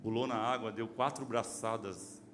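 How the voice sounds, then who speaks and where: A man, preaching a lively sermon as pastor and telling stories to the congregation, calling them brother. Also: fairly low pitch, normal speed, noisy background. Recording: live church sermon with music behind. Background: soft music.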